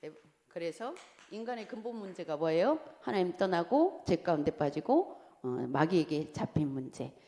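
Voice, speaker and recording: A middle-aged woman, a pastor's wife, giving a chatty, candid sermon that drifts between quiet outline points and laughing asides about her own life. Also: lowish voice, big pitch swings, normal speed. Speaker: pastor's wife preaching to Sunday school. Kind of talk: conversational sermon. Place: church sanctuary. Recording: long church-hall reverb.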